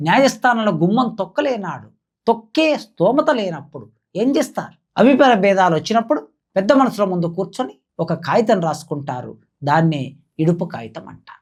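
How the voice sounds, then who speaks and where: A woman's voice: medium pitch, a little mellow, slightly rough. A woman giving impassioned spoken commentary, declaiming and piling up rhetorical questions like a political commentator.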